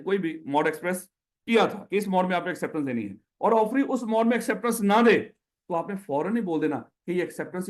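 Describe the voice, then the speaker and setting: A man with a Pakistani Urdu accent gives a classroom law lecture in a voice pitched slightly high. He keeps quizzing his students and restating the rule, calling them his children. He slips English legal terms into his explanations. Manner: repeats key points, quizzes students with questions. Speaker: accountancy lecturer.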